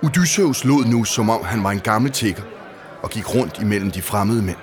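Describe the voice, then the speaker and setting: A man narrating a storybook in a calm, steady way. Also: lowish voice, a crowd in the background.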